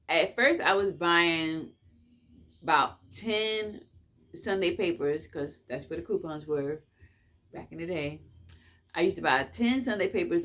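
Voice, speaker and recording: Slow, low-voiced woman reminiscing casually. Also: a bit bright. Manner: emphatic, repeats phrases for effect; colloquial, slangy phrasing. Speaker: couponing vlogger.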